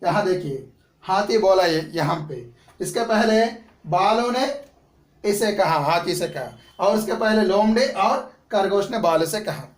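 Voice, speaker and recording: A man teaching a class, his voice high and his pace slow and careful. He asks the class questions and then answers them himself, and restates every word in English. The sound is echoey and comes from some way off the mic. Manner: explains each Hindi word again in English. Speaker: school teacher. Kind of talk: classroom story lesson. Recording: echoey room, voice from a distance.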